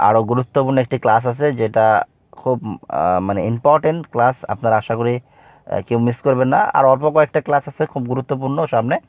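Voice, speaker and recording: A man teaching Quran reading in an online lesson, chanting syllable drills in a higher sing-song voice between plain explanations. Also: dry recording. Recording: tinny phone-like line.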